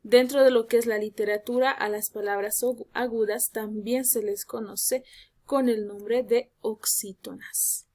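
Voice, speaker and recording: A woman teacher giving a lesson, speaking slowly and emphatically and drawing out her example words. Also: fairly high pitch, steady tone, darkish tone. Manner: addresses students as "jóvenes". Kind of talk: classroom lesson.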